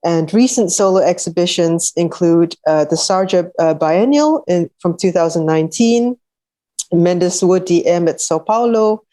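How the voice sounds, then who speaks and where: A woman's voice: fairly low pitch, unhurried, dark tone. A woman moderating a poetry reading, introducing the guests in a fluent, formal way with small hesitations. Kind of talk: introductory speech.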